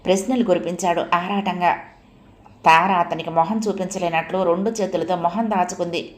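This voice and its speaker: A woman narrating an audio novel in a steady, measured storytelling voice. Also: on the low side. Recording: echoey room, faint hiss.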